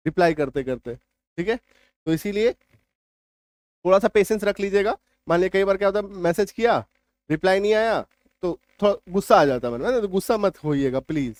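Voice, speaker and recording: A man teaches a spelling lesson. He repeats key points and asks his students whether each one is clear. His voice is recorded close and dry, with no room sound. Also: high-pitched, dry recording. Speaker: English teacher.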